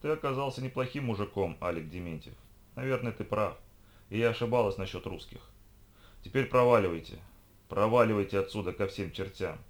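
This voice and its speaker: A man voicing a hoarse, defiant wounded heroine. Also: on the low side, fairly quick, natural voice. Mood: weary. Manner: shouting defiantly. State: out of breath, hoarse. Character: wounded defiant young woman fighter.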